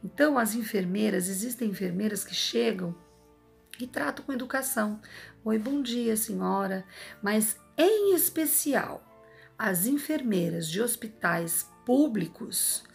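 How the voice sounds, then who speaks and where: A woman's voice: medium pitch, expressive, a little slow, vocal fry, soft background music. A Brazilian woman with a Brazilian Portuguese accent, speaking earnestly from a hospital and lecturing the audience with many rhetorical asides. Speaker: advice vlogger. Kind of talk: emphatic personal monologue.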